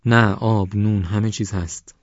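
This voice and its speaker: A man's voice: fairly low pitch, fairly even intonation, dry recording, close to an everyday voice. A man doing a terse, wounded fugitive. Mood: quiet. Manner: quiet, terse. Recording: dull lo-fi audio.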